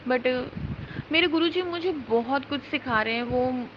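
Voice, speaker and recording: A woman's voice: high-pitched, measured pace, dull audio, background noise. A woman sharing an earnest, emotional devotional testimony, mixing English words into her talk.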